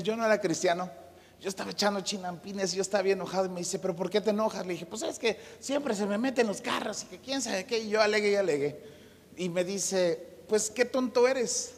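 Husky pastor in a reverberant church. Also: male voice, sits high. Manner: storytelling, humorous asides. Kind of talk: conversational sermon. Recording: long hall reverb.

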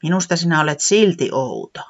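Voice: medium pitch, very animated, dry recording, dull audio. A storyteller voicing a blunt, wistful friend who dislikes winter, in a children's storybook reading. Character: grumpy summer-loving storybook friend.

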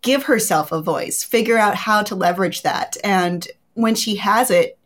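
Candid, relaxed woman panelist. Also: medium pitch, normal speed. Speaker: podcast panelist. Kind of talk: casual chat.

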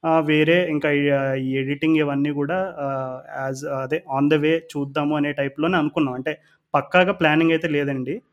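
Higher-voiced Telugu man mixing in English. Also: steady tone, moderate pace, lo-fi sound. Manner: frequent English words mixed into Telugu sentences; hesitant, explanatory, long winding sentences. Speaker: cricket podcast co-host. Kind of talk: casual podcast talk in Telugu-English mix.

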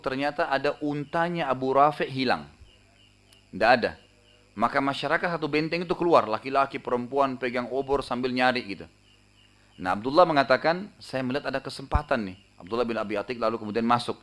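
A man retelling a story in a sermon, acting out the voices in it. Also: mid-range voice. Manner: lively retelling with acted voices. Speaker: preacher.

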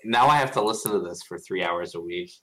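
A man's voice: sits low, fairly quick, bright, forceful tone. A man in casual podcast banter, wry and teasing with his friends. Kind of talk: casual chat.

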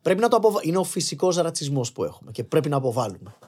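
A young man in casual podcast conversation, arguing his points with animated energy and slipping in English phrases. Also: fairly high pitch. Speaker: podcast guest.

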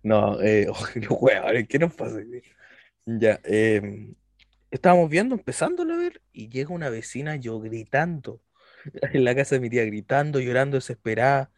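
A young adult Chilean man co-hosting a casual podcast, relaxed and slangy, telling childhood stories. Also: mid-range voice, moderate pace, no echo, studio quality. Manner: relaxed, laughs often, slangy. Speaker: podcast co-host. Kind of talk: casual chat.

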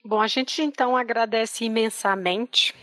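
A woman's voice: fairly high pitch, fairly even intonation, a little slow, fairly bright tone, no room sound. Woman host, dry close voice. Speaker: podcast host. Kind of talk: closing a podcast episode.

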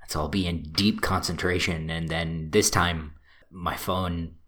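A man's voice: low-pitched, unhurried. A man co-hosting a podcast, chatting casually and joking around with his co-host. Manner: joking, animated banter. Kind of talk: casual chat.

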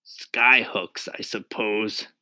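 A dry, jeering centipede with a slow, sarcastic delivery and a teasing edge, as a man puts him on. He sounds close to an everyday voice, just sly. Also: fairly low pitch, creaky, pushed and bright, no echo, full character voice. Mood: mocking. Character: sardonic, mocking male centipede.

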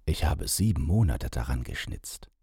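Storybook carver, read by a man, weary and terse, dark husky voice. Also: very deep voice, lively intonation, normal speed, no echo, clean studio sound, heavily acted. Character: starving man with swollen feet, weary.

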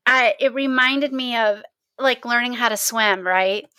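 Bright, high-voiced woman co-host. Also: unhurried, dry recording. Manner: animated storytelling, laughs often. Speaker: co-host of a book discussion. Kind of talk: casual chat.

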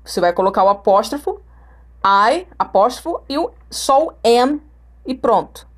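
A woman's voice: fairly high pitch, animated, moderate pace. A Brazilian woman teaching English, repeating example phrases to model their intonation. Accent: Brazilian Portuguese. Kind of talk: recorded language lesson.

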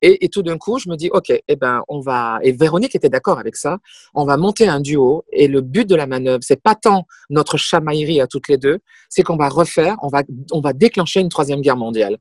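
Lively woman telling stories, dry sound. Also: low voice, brisk, few pauses, no echo. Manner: lively anecdotal storyteller with emphatic repetitions. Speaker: guest, singer and comic performer. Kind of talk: casual interview storytelling.

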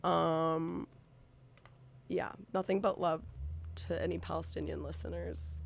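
A woman's voice: lowish voice, flat delivery, measured pace, creaky. A woman co-hosting a podcast, talking in an earnest, thoughtful way with some hesitations. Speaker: podcast co-host. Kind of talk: casual conversation.

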